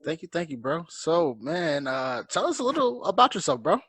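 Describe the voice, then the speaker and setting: A man's voice: fairly high pitch, very animated, normal speed, fairly bright tone, husky, no echo. A man hosting a podcast in casual chat, friendly and insistent, calling his guest bro. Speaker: podcast host.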